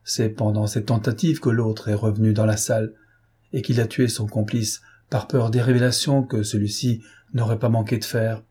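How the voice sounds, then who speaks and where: A man reading the part of an ironic, self-assured gentleman thief in an audiobook, composed and teasing. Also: fairly low pitch, flat delivery, moderate pace, husky. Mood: arguing.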